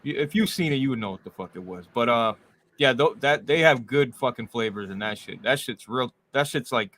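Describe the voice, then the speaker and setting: A man's voice: medium pitch, animated, fairly quick, fairly bright tone. Male podcast host, casual, heavy slang and swearing. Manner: casual, profane slang, says bro a lot. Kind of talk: casual chat.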